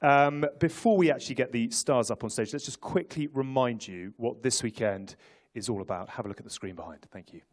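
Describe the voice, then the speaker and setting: Man, mid-pitched voice, live event host, teasing banter, informal, addressing a room. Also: a little fast. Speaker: press conference host. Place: live on stage in a press conference room.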